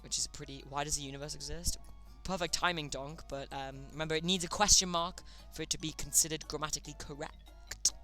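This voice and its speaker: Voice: mid-range voice, steady tone, brisk, few pauses, sharp tone, faint music behind. A streamer casually hosting a chat game live, chatty and often tripping over words.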